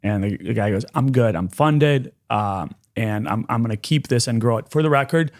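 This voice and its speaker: A man co-hosting a podcast, telling animated business stories with quick restarts. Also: fairly low pitch. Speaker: podcast co-host. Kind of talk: casual podcast chat, storytelling.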